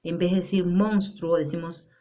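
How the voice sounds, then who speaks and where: A woman's voice: lowish voice, steady tone, moderate pace, warm tone. A woman teacher explaining a language lesson, often checking in with rhetorical questions. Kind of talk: classroom lesson.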